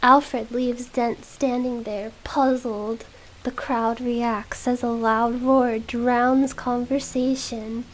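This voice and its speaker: A woman streamer reading a film script in a whispered role-play, with soft, giggly asides, close to the microphone. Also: on the high side, flat delivery, slow, slight background noise, low-quality recording. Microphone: close ASMR microphone.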